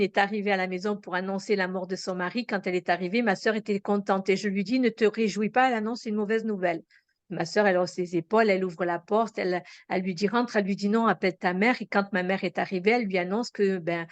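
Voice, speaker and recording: A woman guest in a conversational interview, telling a personal story in an earnest, halting way with many fillers and restarts. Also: mid-range voice, no room sound.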